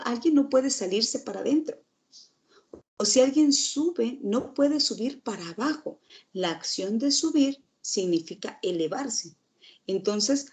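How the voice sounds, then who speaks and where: A woman's voice: on the high side, darkish tone. A woman teacher giving a recorded lecture, explaining steadily and asking the class rhetorical questions.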